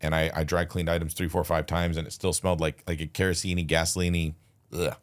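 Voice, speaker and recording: A man, a podcast guest, telling a personal story in a casual, halting way, acting out bits of dialogue. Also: deep voice. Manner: relaxed, halting retelling with restarts and quoted dialogue.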